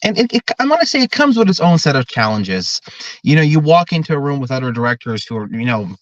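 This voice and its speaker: A man's voice: fairly high pitch, very animated, fast talker, no room sound, dull audio. A man in his early twenties, a drum corps director, talking earnestly and at length in a podcast interview. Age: 20s. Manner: earnest, talkative, explains at length.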